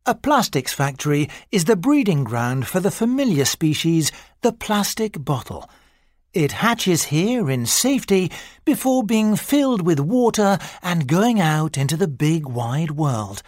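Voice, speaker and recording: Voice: medium pitch, sing-song, measured pace, a little mellow, dry recording, clean studio sound. Mock-serious nature documentary narrator. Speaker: narrator of a listening exercise.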